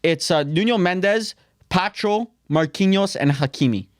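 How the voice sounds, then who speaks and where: A man's voice: sits high, expressive, unhurried, no room sound, clean studio sound. A man co-hosting a football podcast, arguing his points insistently in casual chat. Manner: argumentative, insistent. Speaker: podcast co-host.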